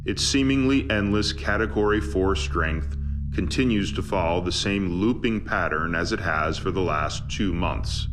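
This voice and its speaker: A man playing a radio news anchor, reading a special report in a formal, deadpan manner. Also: lowish voice, background noise, lightly acted. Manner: formal, measured news-reader delivery. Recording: music bed behind voice. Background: music.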